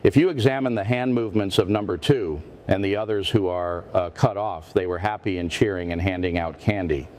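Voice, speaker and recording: A man's voice: deep voice, a little fast, hardly any pauses, a little mellow, slight background noise, lightly acted. A man playing a parody news anchor, a stiff, formal, indignant interviewer who presses and repeats himself. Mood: solemn, formal. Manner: stiff, formal, repetitive, confrontational.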